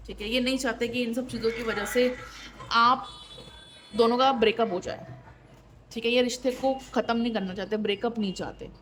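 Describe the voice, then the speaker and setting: Tarot reader, woman, higher voice, conversational and direct, repeats for emphasis. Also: noisy background. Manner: direct and conversational, often checks in with "ठीक है"; repeats points for emphasis, with wry disbelief. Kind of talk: tarot reading addressed straight to the viewer.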